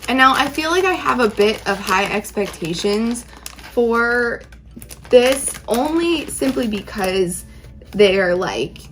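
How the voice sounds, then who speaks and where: A woman's voice: on the high side, lively intonation, slow pace, a bit bright, a little hiss or hum, low-quality recording. A woman hosting a casual taste-test vlog, talking informally and emphatically in a rambling, conversational way. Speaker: candy reviewer, video host.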